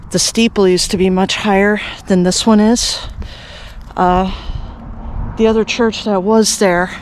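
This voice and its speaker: A man's voice: high-pitched, a little hiss or hum. A man from Canada narrating a casual walking vlog outdoors, chatty and rambling with many fillers and restarts. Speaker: vlogger. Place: outdoors, walking around a rural cemetery.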